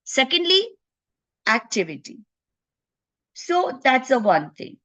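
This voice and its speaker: A woman's voice: high voice, very animated, sharp tone. A woman physician giving an informal health talk, explaining patiently and voicing what patients might think to themselves. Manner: unhurried and explanatory, voicing patients' inner thoughts.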